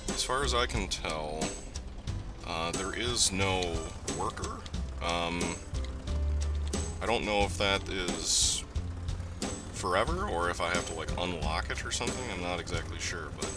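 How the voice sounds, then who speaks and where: Casting: male let's play host, notably low pitch, slightly sick voice, casual and tentative thinking-aloud delivery, prominent music underneath. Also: animated, unhurried. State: sick, voice affected. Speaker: gaming host. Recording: loud music behind voice. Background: game music and vehicle engine sounds.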